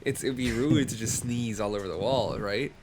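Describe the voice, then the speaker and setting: A man narrating as game master of a tabletop game over a voice call, describing scenes slowly with frequent fillers. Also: medium pitch, heavy background noise. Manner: unhurried, halting scene description with many fillers.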